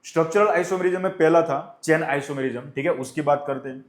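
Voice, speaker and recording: A man teaches chemistry to a class, posing questions and answering them himself and dictating definitions slowly. His voice is a little high, and the room is echoey.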